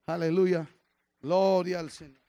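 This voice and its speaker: A man preaching a fiery sermon as pastor, dropping to low murmurs and rising to shouted exhortation, often calling out "hermano". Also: level tone, slow, gravelly, no echo. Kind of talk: fiery Pentecostal-style sermon.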